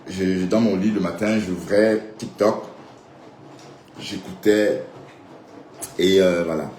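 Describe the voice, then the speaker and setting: A man's voice: deep voice, fairly even intonation, slow, darkish tone, roomy sound, a little hiss or hum. A man giving casual, rambling live-stream commentary, often checking in with viewers with little asides. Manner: rambling, addresses viewers directly with frequent "hein" and "d'accord".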